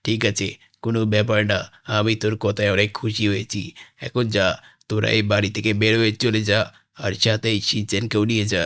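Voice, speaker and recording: A greedy cartoon gang boss, voiced by a man speaks low and taunting. He bosses his henchmen and mocks his victims. The voice sits on the deep side. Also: flat delivery, brisk, fairly bright tone, lightly acted. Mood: gloating. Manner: taunting, bossy. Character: menacing male gang boss, greedy and mocking. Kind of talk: animated game-parody voice acting.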